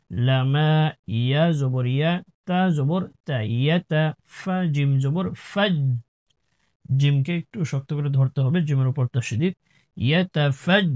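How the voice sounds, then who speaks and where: Slow, clear-voiced man teaching Quran recitation. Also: a little high, dark tone. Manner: spells each syllable, then chants the word drawn out. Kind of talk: slow letter-by-letter Quran lesson.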